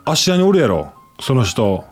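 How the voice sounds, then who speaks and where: A man speaks in a casual Osaka-area Kansai accent with very lively intonation. He banters as a co-host, dropping blunt quips and quick interjections. Music plays under his voice. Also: mid-range voice, breathy edge.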